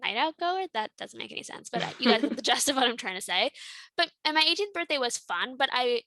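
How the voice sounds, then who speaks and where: A woman's voice: fairly high pitch, expressive, fast, sharp tone, no room sound. A woman of about twenty, chatting casually and self-deprecatingly as a podcast co-host, with lots of "like". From Montreal, Canada. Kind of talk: casual chat. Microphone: headset.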